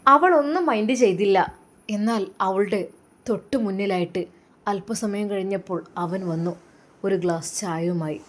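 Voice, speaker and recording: A woman's voice: mid-range voice, normal speed. Woman storyteller, emphatic dramatic narration.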